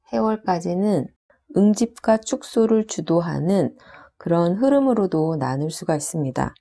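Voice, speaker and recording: A woman giving a calm, explanatory lecture on Korean astrology, pausing now and then with short fillers. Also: lowish voice. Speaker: saju instructor.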